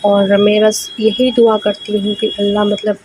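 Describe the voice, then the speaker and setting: A woman's voice: mid-range voice, completely flat delivery, measured pace, a little mellow, slightly rough, no room sound, poor audio. A young woman, a mother and vlogger, chatting casually with lots of fillers. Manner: chatty, conversational with many fillers. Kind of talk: casual vlog narration.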